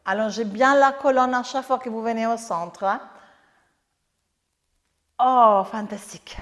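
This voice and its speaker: A woman's voice: on the high side, fairly quick, in a large hall. A woman with an Italian accent leading a Pilates class, giving breathing cues and joking with her viewers. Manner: chatty, joking, encouraging cues. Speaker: Pilates instructor. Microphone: lapel mic in clothing.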